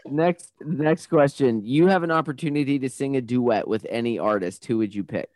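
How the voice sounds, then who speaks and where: A man hosting an interview podcast, encouraging and measured. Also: medium pitch, darkish tone, dry recording, clean studio sound. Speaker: podcast host. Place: studio in Florida.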